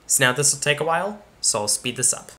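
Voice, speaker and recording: Speaking quickly and expressively, a young tech-channel host narrates a screen-recorded tutorial, walking casually through every step of installing a computer as he goes. His voice is medium in pitch, bright, and forceful, and he records in a bedroom studio with monitors at his back.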